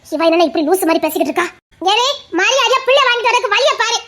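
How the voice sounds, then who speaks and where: A woman voicing a sharp-tongued rural mother with a Tirunelveli Tamil accent who scolds and mocks. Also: extremely high pitch, lively intonation, very fast, heavily acted. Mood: mocking. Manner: scolding, mocking.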